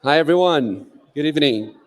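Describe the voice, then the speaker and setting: A man's voice: fairly high pitch, animated, moderate pace, some chatter behind. A man giving an earnest, rallying keynote at a conference, introducing his project. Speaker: conference speaker, project founder. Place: conference stage in a large hall. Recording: long hall reverb.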